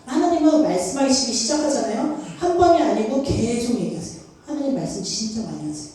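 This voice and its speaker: A woman's voice: on the high side, expressive, a little fast, warm tone, slight background noise. Woman preaching in an echoey hall. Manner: conversational, asks the listeners questions, mixes casual and polite speech. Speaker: youth pastor. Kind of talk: youth sermon. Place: church sanctuary. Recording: echoey church hall from far off.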